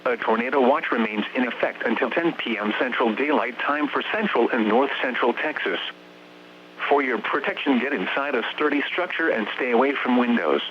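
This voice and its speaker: A text-to-speech American male voice at medium pitch and moderate pace reads formal warning bulletins on weather radio. Each clipped, automated phrase is evenly paced, and the broadcast sounds dull and humming with faint noise underneath.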